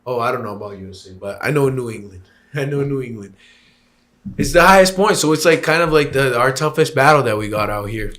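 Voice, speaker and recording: A man telling a story in casual chat, emphatic and animated, acting out what was said. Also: medium pitch, fairly quick. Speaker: hiker recounting a climb.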